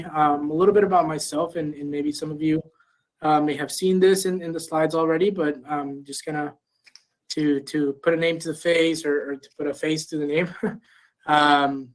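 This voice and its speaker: A young man from Venezuela joins a panel over a video call. His speech stays flat and level, with a slightly high voice, and he stumbles through ums and restarts in easy conversation. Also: normal speed, low-quality recording. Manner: hesitant, many ums and restarts. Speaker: panel guest, chapter treasurer. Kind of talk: casual panel talk.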